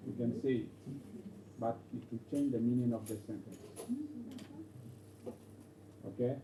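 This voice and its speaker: A man's voice: mid-range voice, steady tone, brisk. A man teaching an English grammar class, repeating points and checking with "okay?". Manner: repetitive, checks understanding with "okay?". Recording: roomy, distant, dull lo-fi, faint noise.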